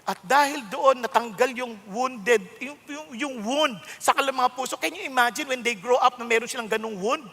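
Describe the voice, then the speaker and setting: A man in his sixties with a Filipino accent preaching a sermon, mixing Tagalog and English in an emphatic, conversational way with sudden loud outbursts. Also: very high voice, normal speed, few pauses. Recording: long hall reverb.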